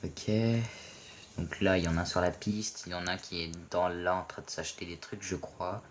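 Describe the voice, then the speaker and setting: A young man with a French accent narrates his match in a fairly low voice. He is playful and jumpy, joking with viewers and yelling encouragement or insults at teammates as the game swings. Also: brisk, slight background noise. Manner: playful, excitable, yells and swears at teammates. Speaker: gaming video commentator. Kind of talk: casual gameplay commentary.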